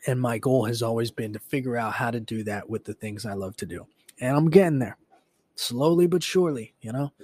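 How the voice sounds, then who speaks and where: A podcast host in his late twenties reflects casually and ramblingly on his solo show, with plenty of fillers and swearing. His medium-pitched voice is brisk, darkish, and slightly rough, with no echo.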